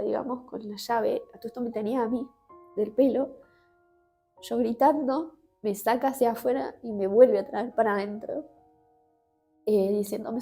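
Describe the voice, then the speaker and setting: A woman with an Argentine accent gives an emotional personal testimony in an interview. She speaks haltingly, with many restarts and fillers. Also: fairly high pitch, creaky, warm tone. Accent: Argentine Spanish.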